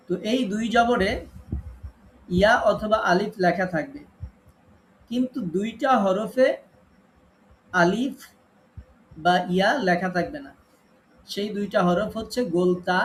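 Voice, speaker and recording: High-pitched guy teaching an online quran reading class, slow and patient, says the key rules over and over, little bit of hiss behind. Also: poor audio. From Bangladesh.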